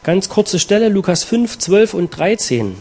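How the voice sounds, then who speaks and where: Emphatic preacher man, higher voice. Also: sing-song, a little mellow. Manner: earnest, emphatic reading with dramatic pauses. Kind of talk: sermon with Bible reading.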